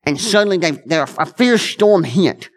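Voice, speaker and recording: A pastor preaching a conversational sermon in church, earnestly repeating and restarting phrases, quick in asides and slow on key lines. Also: male voice, high voice, lively intonation.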